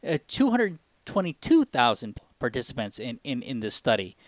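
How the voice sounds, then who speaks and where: A man hosting a casual podcast chat, rambling with frequent restarts and easy laughter, with a somewhat squeaky voice. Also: huge pitch swings, moderate pace, dry recording. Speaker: podcast host.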